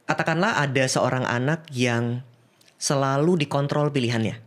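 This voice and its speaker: A man's voice: medium pitch, normal speed, a bit bright. A man, a psychiatrist guest explaining cases with examples in a casual podcast chat, laughing easily and mixing in English.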